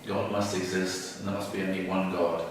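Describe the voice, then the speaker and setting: A man's voice: deep voice, little pitch movement, normal speed, noisy background. A man teaching a religious story in a casual, humorous way as a lecture. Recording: echoey room, far from mic.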